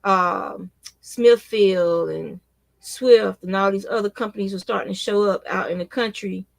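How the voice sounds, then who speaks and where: A woman's voice: mid-range voice, fairly even intonation, measured pace, gravelly, dry recording. A woman in her fifties, chatting casually and reminiscing at a rambling pace with frequent restarts. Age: 50s. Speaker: crochet vlogger. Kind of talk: casual reminiscing while crocheting.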